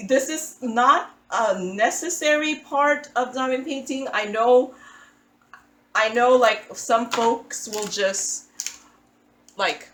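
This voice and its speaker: Here a crafting channel host from the Philippines gives casual voice-over chat as she works on a craft at an indoor table, self-deprecating and making small restarts while explaining her setup. Her voice is medium-pitched and fairly bright, with a roomy sound.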